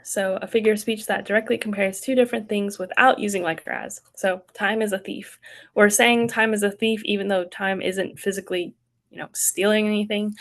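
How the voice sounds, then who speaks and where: A young woman teaches writing in an online workshop, talking casually and with an upbeat tone, filling pauses with ums and likes. Her voice sits at an ordinary middle pitch for a woman. It comes through a video call.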